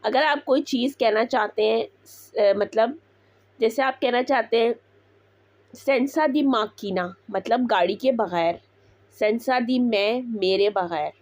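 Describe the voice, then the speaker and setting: A woman teaching Italian words, repeating each one slowly before explaining it. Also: on the high side, no echo. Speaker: language teacher. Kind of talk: slow Italian vocabulary lesson.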